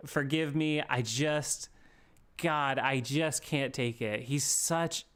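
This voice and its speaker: A man co-hosting a casual sports talk stream, ranting with animated energy and swearing freely. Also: medium pitch, takes it slowly, smooth. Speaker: podcast co-host.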